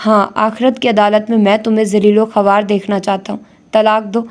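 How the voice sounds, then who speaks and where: A woman reading the lines of a furious, unforgiving middle-aged father who shouts his orders at his daughter. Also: medium pitch, level tone, lightly acted. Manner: shouting, cutting.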